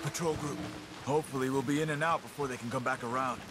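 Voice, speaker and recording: An actor playing a steady, calm outlaw companion in video game dialogue, speaking in a measured, earnest way. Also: male voice, medium pitch, noisy background, lightly acted. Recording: game audio under loud rain and hoofbeats.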